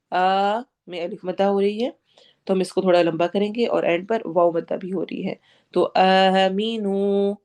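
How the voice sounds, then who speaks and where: A woman's voice: medium pitch, dark tone. Patient woman teaching Quran recitation. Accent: Pakistani Urdu. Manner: explains pronunciation patiently, drawing out recited words slowly; mixes English words into Urdu explanations. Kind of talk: tajweed lesson, word-by-word recitation.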